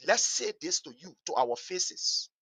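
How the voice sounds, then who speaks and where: A woman's voice: lowish voice, big pitch swings, a little slow, vocal fry, sharp tone, slightly rough, dry recording. A woman with a Liberian English accent, a party activist giving an impassioned political address, emphatic and hammering home repeated pointed questions.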